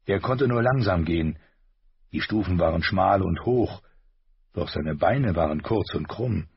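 A man reading a fantasy novel aloud as a narrator, unhurried and expressive. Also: sits low, vocal fry, slightly rough, no room sound, dull audio. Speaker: audiobook narrator. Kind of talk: scripted storybook narration.

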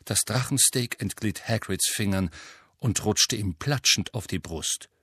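A man narrating an audiobook in a measured, even storytelling manner. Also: on the low side, slightly rough, no echo, clean studio sound. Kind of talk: scripted narration.

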